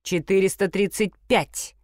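A woman plays a bossy young woman who haggles without mercy in an audiobook. Her lines are short, icy and commanding, pitched a touch high, in a dry, close sound. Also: fairly even intonation, unhurried, darkish tone, no echo, natural voice. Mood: haughty. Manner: curt, cold and commanding.

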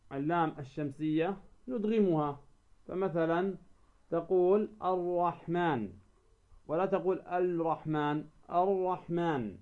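Male teacher, fairly high voice, deliberate, asks and answers his own questions, repeats example words, muffled lo-fi sound. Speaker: Quran recitation teacher. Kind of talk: recorded lesson. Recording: dull lo-fi recording.

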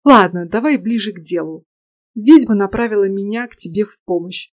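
A woman's voice: mid-range voice, moderate pace, close to an everyday voice. A woman voicing a cocky, brash young female student who teases in a sassy, slightly raised voice. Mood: teasing. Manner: teasing, sassy.

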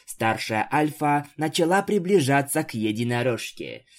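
A man's voice: medium pitch, expressive, normal speed. Man narrating a fan story.

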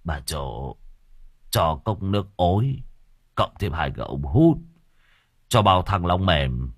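A coarse old village drunk, performed by a male narrator. He speaks in a low, rough register, full of bluster. This is an audio story. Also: sing-song, slow, dry recording, studio quality, heavily acted. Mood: boastful. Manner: coarse boasting, then panicked wailing.

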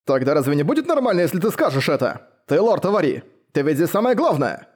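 A man's voice: a little high, sing-song, quick pace, a little mellow, breathy edge. A man voicing a bold, blunt young male retainer who argues earnestly. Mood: teasing.

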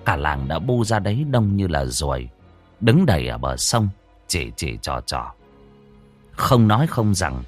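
A man, telling a village tale in a lively, folksy way. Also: lowish voice, no echo. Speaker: storyteller. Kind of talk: audiobook narration.

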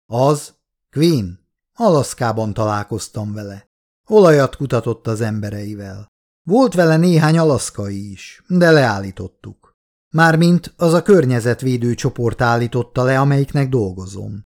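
A man's voice: medium pitch, expressive, a little mellow, lightly acted. Brief: male reader doing a young woman guide, inquisitive and frank, voice barely changed from his own.

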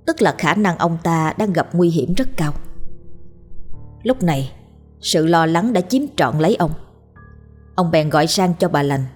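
A woman narrates a ghost story in a measured, suspenseful way. Her voice is low and husky. Faint music plays softly under the reading. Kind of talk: scripted horror story narration.

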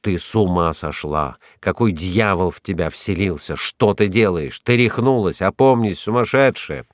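A man voicing a stern, forceful wealthy husband who barks orders in a hoarse, commanding shout. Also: deep voice, animated, normal speed, dry recording, studio quality. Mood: angry.

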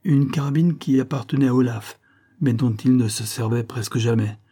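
Male reader playing an anxious young woman in a storybook, earnest and urgent, husky tone. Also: medium pitch, normal speed, mellow, pitched above the performer's own voice. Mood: earnest pleading. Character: anxious young woman pleading for her fiancé.

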